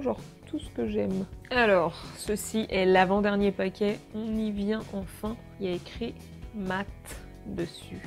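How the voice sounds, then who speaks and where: A woman's voice: on the high side, creaky, a little mellow. A woman vlogger unboxing birthday gifts in a casual, jokey, exclamatory way, cursing now and then. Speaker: beauty vlogger.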